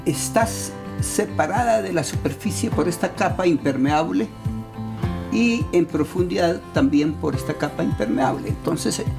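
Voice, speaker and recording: An expert explains technical material like a teacher. The delivery is very animated in pitch and creaky, with music clearly behind it. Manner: teacherly, with check questions.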